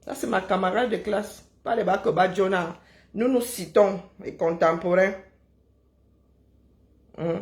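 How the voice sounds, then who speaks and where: A woman's voice: mid-range voice, unhurried, pauses often, a little mellow. A middle-aged woman, chatting casually on a live stream and answering viewers in a teasing, sarcastic way, often tagging her sentences with "hein?". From Kribi, Cameroon.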